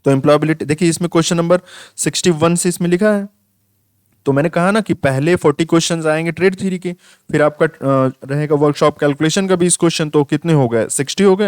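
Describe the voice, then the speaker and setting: Male tutor, smooth dry voice. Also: on the high side, a little mellow, dry recording. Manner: explains step by step, repeats "ठीक है" often; reads English questions out slowly. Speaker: exam tutor. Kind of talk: casual exam-prep lecture.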